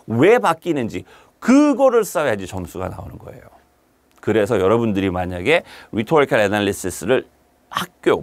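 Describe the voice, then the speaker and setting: A man teaching an exam-prep lecture, lively and explanatory, slipping English terms into his talk and reading English passages slowly. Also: medium pitch, no room sound. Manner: animated, mixes English terms into Korean, reads English lines slowly.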